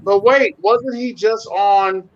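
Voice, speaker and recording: A man's voice: high voice, steady tone, slow pace. A man co-hosting a casual film discussion, telling stories with emphatic enthusiasm. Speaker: co-host. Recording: muffled lo-fi audio.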